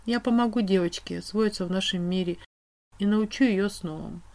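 A woman voicing a brisk, teasing witch whose voice turns strict and cold. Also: mid-range voice, a little mellow, close to an everyday voice.

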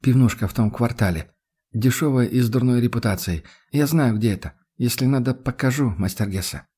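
A man voicing a respectful male jailer who speaks quietly, barely above a hush. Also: medium pitch, brisk, husky, natural voice. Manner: hushed, barely audible.

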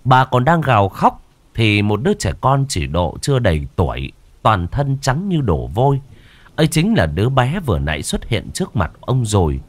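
A man narrating a ghost story, dramatic and slowing down on the eerie moments. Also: mid-range voice, big pitch swings, no echo.

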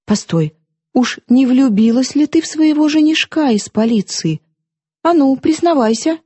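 A fierce, defiant young woman with a sharp, mocking edge, as a woman narrator puts her on. Her voice sits higher and pushes louder than the reader's own, dry and close. She bursts out in hot, scornful outbursts. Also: animated, unhurried, husky, dry recording, full character voice.

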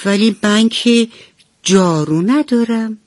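A woman voicing a small, mischievous and forgetful lamb in a radio bedtime story, with a high childlike plea. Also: a little mellow, dry recording, clean studio sound, close to an everyday voice. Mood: pleading. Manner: pleading, childlike.

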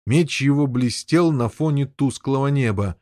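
A man's voice: mid-range voice, a little slow, a little mellow, no room sound. Male audiobook narrator, dry and close. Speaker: audiobook reader. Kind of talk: scripted narration.

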